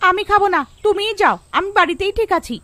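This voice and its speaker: A woman's voice: extremely high pitch, expressive, fairly quick, dry recording, exaggerated voice. A woman voicing a touchy, sulky young village wife in a cartoon. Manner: sulky, sharp. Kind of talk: cartoon voice acting.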